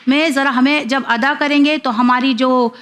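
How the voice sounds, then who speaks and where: A woman with a high, clear voice and a Pakistani Urdu accent teaches children Quran reading. She spells out each letter pair slowly and repeats it twice, in a patient, even tone. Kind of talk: slow syllable-by-syllable recitation lesson.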